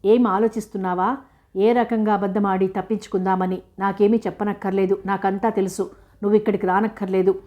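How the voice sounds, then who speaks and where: A woman's voice: mid-range voice, level tone, a little fast, highs cut off, natural voice. A woman voicing a feverish, jealous young woman who speaks reproachfully. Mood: bitter. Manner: reproachful, accusing.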